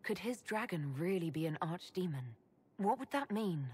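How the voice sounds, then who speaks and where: A woman's voice: on the low side, animated, normal speed, a little mellow, slightly rough. A woman playing a resolute young fantasy game heroine, firm and direct in her delivery. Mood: serious. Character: resolute young female chosen hero, reluctant leader. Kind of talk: dramatic fantasy game dialogue. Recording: game audio with music behind.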